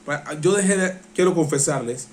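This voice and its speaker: Excitable Panamanian man, live commentary. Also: fairly high pitch, normal speed. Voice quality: strains his voice. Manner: excitable, passionate, gets worked up. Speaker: live-stream political commentator. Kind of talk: live-stream reaction talk.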